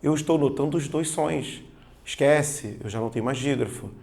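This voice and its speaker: Male teacher with some fry, casual, chatty, addresses the student directly. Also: medium pitch, normal speed, darkish tone. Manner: informal, slangy, talks straight to the student. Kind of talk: exam-prep grammar lesson.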